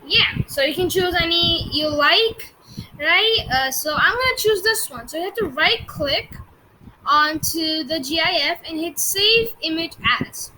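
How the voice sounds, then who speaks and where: Very high, bright, chatty young voice. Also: female voice, lively intonation, a little slow, slight background noise, poor audio. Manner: giggly, breaks into fits of laughter; chatty, full of fillers like "like" and "uh". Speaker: tech tutorial host. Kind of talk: casual screen-recorded tutorial.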